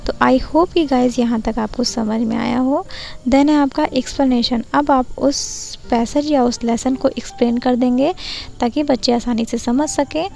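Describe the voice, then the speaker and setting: High, gravelly-voiced woman explaining a lesson plan. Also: darkish tone. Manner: repeats "look here", switches between Hindi and English; reads quoted English lines slowly and deliberately. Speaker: teacher-training tutor.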